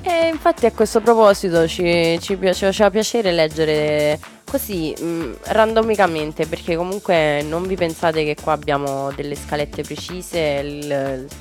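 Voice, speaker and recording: A woman's voice: low-pitched, measured pace, hardly any pauses, a little mellow, soft background music. A woman hosting a casual radio talk show, thinking aloud with frequent restarts. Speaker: radio host.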